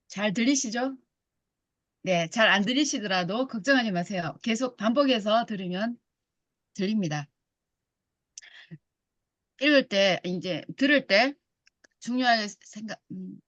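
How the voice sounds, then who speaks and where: Slow-talking woman English coach. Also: medium pitch, a bit bright, no room sound, dull audio. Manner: drills example sentences very slowly, then explains. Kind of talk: language lesson explaining pronunciation.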